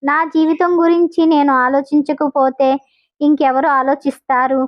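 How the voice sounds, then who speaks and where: A woman's voice: sits high, fairly even intonation, moderate pace, lightly acted. A woman playing an irritated young businessman who talks in a curt, dismissive way, on a dull lo-fi recording.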